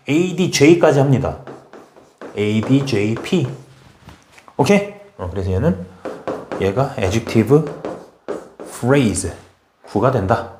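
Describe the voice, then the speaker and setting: A man teaching an English grammar lesson in a brisk way, often checking in with his students and urging them to memorize. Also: medium pitch, darkish tone, reverberant. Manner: brisk, repeats "okay?" and pushes students to memorize. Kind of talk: classroom lecture.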